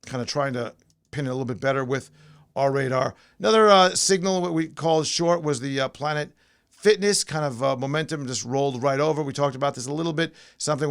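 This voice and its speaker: A man's voice: on the high side, clear, resonant tone. A man hosting a pre-market stock show, casually talking through charts and thinking aloud with fillers and restarts.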